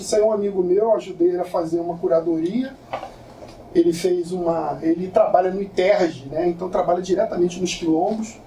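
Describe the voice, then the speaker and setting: A man's voice: sits high, warm tone, slight background noise. A man giving an informal lecture as a photographer, telling stories in a casual, slangy way to an audience in a lecture room. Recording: echoey room from far off.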